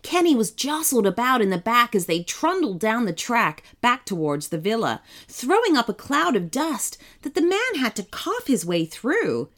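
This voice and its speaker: A woman reads a children's story aloud with an animated, expressive delivery. Her pitch sits a little high and swings widely from line to line. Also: normal speed, hardly any pauses. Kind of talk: scripted narration for children.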